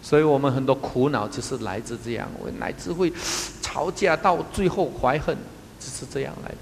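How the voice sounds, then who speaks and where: A man giving a Buddhist Dharma talk as a monastic teacher, telling anecdotes in an animated way and chuckling often. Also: medium pitch, brisk, big-room sound, a little hiss or hum.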